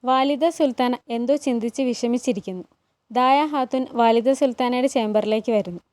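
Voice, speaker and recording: A woman retells a TV drama scene by scene, in plain, steady storytelling. Her voice sits high and sounds close and dry, with no room sound. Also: fairly quick, no echo.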